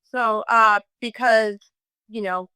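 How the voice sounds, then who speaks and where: A middle-aged woman telling a personal story in a podcast conversation, emotional and halting, quoting others as she goes. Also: a little high, fairly even intonation, bright, forceful tone, clean tone, dry recording. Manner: emotional, halting, with many restarts and quoted speech. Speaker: guest sharing her story.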